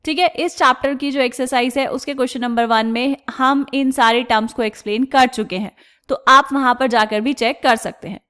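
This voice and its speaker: A woman teaching chemistry step by step, asking questions and answering them herself, and drawing out technical terms slowly. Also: sits high, fairly even intonation, fairly bright tone. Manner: asks the class questions and answers them herself, calls students "beta"; slows down and stretches out technical terms. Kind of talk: explaining step by step on a board.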